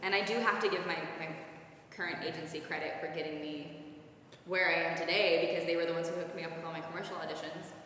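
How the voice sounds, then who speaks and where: A woman's voice: fairly low pitch, steady tone, quick pace, fairly bright tone, recorded from a distance, a little hiss or hum. A woman in her twenties, an actress and guest, talking earnestly and casually with a lot of "like". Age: 20s. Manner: chatty, earnest, lots of "like". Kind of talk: casual interview. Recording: very echoey room with long reverb.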